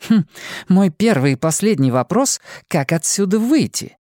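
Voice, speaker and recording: Defiant angry woman, a man voicing her, sharp exclamations, pitched up high, dry close sound. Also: lively intonation, slow, dry recording. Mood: sarcastic. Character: indignant woman, a mother, defiant.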